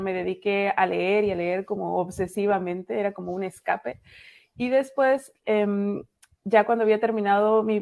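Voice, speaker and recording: Mexican woman author, gravelly voice. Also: mid-range voice, darkish tone. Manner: chatty, lots of fillers and pauses. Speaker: author, interview guest. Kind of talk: casual interview over video call. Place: dark home room at night. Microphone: video call.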